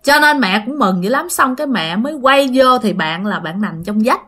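A woman's voice: a little high, animated, normal speed, bright, forceful tone. A woman with a Southern Vietnamese accent telling ghost stories in a chatty way, talking straight to her listeners with many fillers. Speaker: ghost-story channel narrator. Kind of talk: casual storytelling narration.

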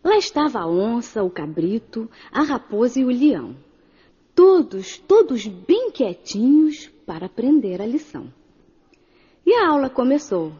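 A woman narrating a children's story in a gentle, expressive storytelling manner. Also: fairly high pitch, unhurried, slightly rough, lo-fi sound.

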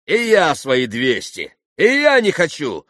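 A man voicing a hot-headed young man who exclaims excitedly. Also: on the low side, takes it slowly, no echo, clean studio sound, heavily acted. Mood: defiant.

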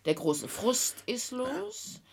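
An actress playing a cool, probing game-show interrogator in a radio play, asking calm, insinuating questions. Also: female voice, sits high, slow pace, vocal fry, slight background noise, heavily acted. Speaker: quiz interrogator.

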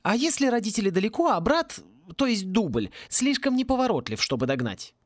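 A man's voice: big pitch swings, brisk, no echo. A man voicing an eager, tireless young witch girl who talks in a bubbly, pleading way. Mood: curious. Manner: bubbly, pleading, high-pitched.

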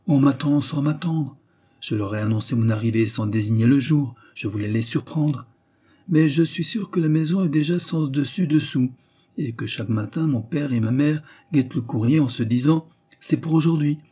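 A man reading an audiobook, voicing an earnest young man who speaks gravely and gently. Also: medium pitch, moderate pace, voice pushed up, natural voice. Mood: eager.

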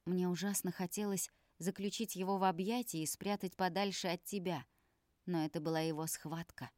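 Female audiobook narrator, low and measured, somber first-person read, dry booth sound. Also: fairly even intonation, a little mellow, no echo.

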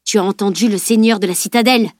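A woman voicing a seasoned male weapons master who explains things calmly and firmly, in an audiobook. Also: mid-range voice, fast, no room sound, clean studio sound, close to an everyday voice. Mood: grave. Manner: calm, explanatory, firm. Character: grave grown man, seasoned weapons master.

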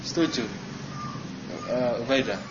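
A man's voice: mid-range voice, unhurried. A man teaching Arabic grammar to a class, quizzing students by name and stressing drill words. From Indonesia. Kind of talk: classroom lesson. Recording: dull noisy classroom recording.

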